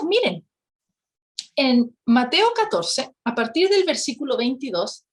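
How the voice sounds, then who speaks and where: A woman teaching a Bible lesson, telling the story with lively rhetorical questions and acting out the characters. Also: a little high. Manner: acts out quoted characters.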